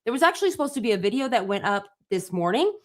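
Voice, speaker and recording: A woman's voice: on the high side, big pitch swings, rapid-fire. A middle-aged woman hosting a casual live stream, bubbly and gushing, talking straight to her viewers while tired from very little sleep. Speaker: livestream host and small business owner.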